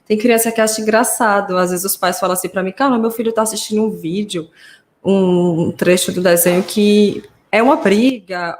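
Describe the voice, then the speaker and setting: A Brazilian woman hosting a casual interview, affirming her guest and explaining points in a clear way. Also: mid-range voice. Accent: Brazilian Portuguese.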